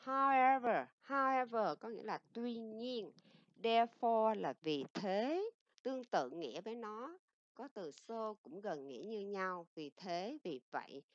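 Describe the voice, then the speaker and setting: A woman English teacher with a Vietnamese accent giving a recorded lesson, explaining in Vietnamese and reading English example sentences slowly and carefully. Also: medium pitch, animated, dry recording. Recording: dull lo-fi dry recording.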